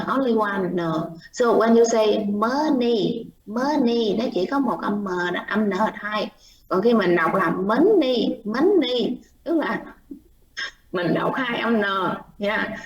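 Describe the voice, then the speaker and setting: Woman, pronunciation teacher, patient, explanatory, echoey room, distant mic. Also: mid-range voice. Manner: patient, explanatory, models words by repeating them. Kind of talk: online class feedback, mixing Vietnamese and English. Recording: roomy, distant mic with faint noise.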